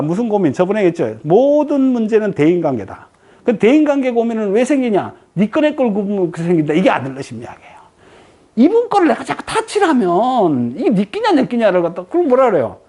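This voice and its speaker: A woman giving a lecture, asking the audience frequent questions and answering them herself. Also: medium pitch. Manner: lively rhetorical questions to the audience.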